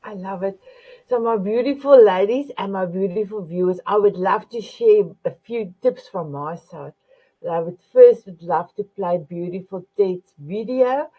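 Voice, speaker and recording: A woman's voice: medium pitch, normal speed, slightly rough. A woman hosting a motivational talk show, calling viewers her beautiful ones and sometimes searching for an English word. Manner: warm, repetitive terms of endearment, searching for English words. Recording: phone-line quality audio.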